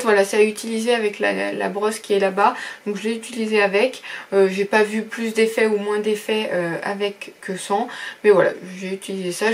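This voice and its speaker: A woman's voice: medium pitch, a little hiss or hum. A woman reviewing beauty products in a casual vlog, rambling and frank with many fillers and slangy asides. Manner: rambling, full of "euh" and "voilà" fillers. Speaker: beauty vlogger.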